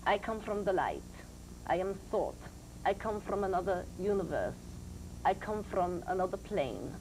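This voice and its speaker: A man channeling a serene, grand spirit teacher as a seance medium in a trance, speaking formally and deliberately. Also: high voice, lively intonation. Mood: solemn teaching. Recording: noisy old TV broadcast.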